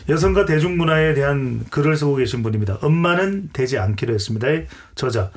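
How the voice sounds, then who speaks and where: Slightly husky male debate host. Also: a little high, animated, a little fast. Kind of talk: broadcast panel moderation.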